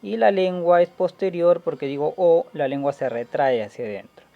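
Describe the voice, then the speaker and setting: A man teaching a language lesson, explaining slowly and patiently and sounding out each vowel as he goes. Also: fairly high pitch, expressive, gravelly, narrow, tinny audio. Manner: slow, patient, demonstrating sounds aloud. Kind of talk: classroom explanation.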